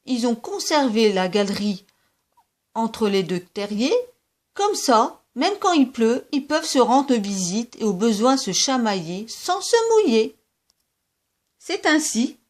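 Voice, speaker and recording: A woman reading a children's story aloud in a gentle, lively storytelling manner. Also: fairly high pitch.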